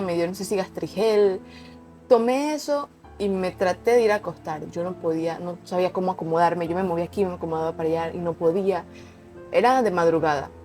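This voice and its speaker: A woman's voice: fairly low pitch, mellow. A young woman telling her personal testimony in an unscripted, conversational way, earnest and repeating words for emphasis. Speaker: vlogger sharing a personal testimony.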